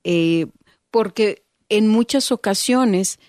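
A woman's voice: medium pitch, slow, darkish tone, dry recording, clean studio sound. A woman hosting a conversation, reflective and relating things to her own family. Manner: reflective, shares personal examples. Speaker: host. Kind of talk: interview chat.

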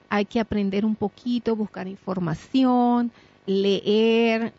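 A woman's voice: fairly high pitch, vocal fry, a little mellow. A middle-aged woman, co-hosting a radio talk show in an earnest, emphatic way and laughing often. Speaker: radio co-host. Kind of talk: casual radio chat. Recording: dull lo-fi radio sound.

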